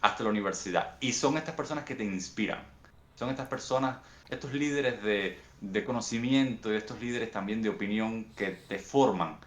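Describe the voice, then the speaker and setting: Cuban man, unhurried, roomy sound. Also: lowish voice, fairly bright tone. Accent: Cuban Spanish. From Cuba. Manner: thoughtful, unhurried storytelling with frequent restarts. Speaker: guest author. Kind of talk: reflective interview answers.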